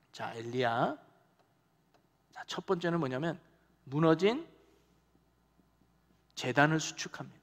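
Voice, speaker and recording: A man's voice: on the high side, in a large hall. A man preaching a sermon in a church and engaging the congregation with frequent questions. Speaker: pastor. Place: church sanctuary.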